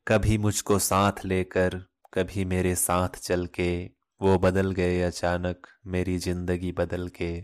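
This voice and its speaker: A man with a very low voice recites love couplets at an unhurried pace. His delivery is measured and solemn, and his pitch stays flat and even from line to line. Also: clean tone. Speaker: channel host and poetry reciter. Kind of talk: scripted recitation of love poetry.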